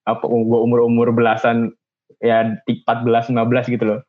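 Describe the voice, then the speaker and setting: A young man chatting casually in slang, his voice jumping up as he tells a story. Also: fairly quick. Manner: slangy, animated when telling stories, pitch jumps up. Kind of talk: casual chat. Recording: dull, lo-fi sound.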